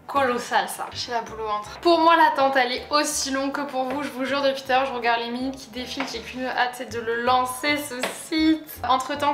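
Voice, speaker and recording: A young woman from France talks to her viewers as she walks busy city streets, chatty and excitable with lots of slang. Her voice sits high, and a lapel mic keeps her close. Loud music plays under her voice. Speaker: vlogger. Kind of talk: casual travel vlog. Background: loud background music.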